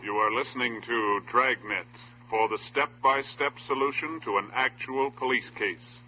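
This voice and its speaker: A male 1950s radio announcer with a bright, forceful voice at middle pitch. His delivery is formal and scripted, on a muffled old recording. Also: unhurried, slight background noise. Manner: formal, emphatic.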